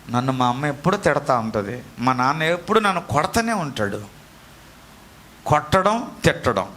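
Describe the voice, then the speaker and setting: Bright-voiced preaching male pastor. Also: a little high. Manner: call-and-response preaching, scolding asides. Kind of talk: sermon.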